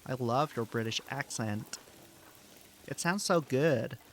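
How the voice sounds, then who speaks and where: A man's voice: mid-range voice, slow, slight background noise. A man voicing a gushing young American Cali girl with a put-on American accent, bubbly and drawn out.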